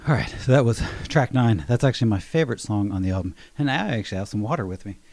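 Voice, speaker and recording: A man's voice: lowish voice, expressive, quick pace, a little mellow, no room sound. A man musician chatting casually between songs on a live stream, easygoing and rambling with a self-amused tone.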